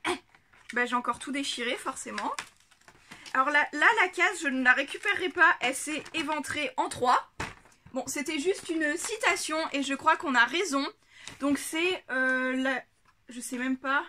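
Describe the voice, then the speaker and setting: Bright, high-voiced chatty woman vlogger. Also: moderate pace, slight background noise. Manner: chatty, giggly, many fillers. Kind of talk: casual unboxing chat. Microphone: camera on a tripod.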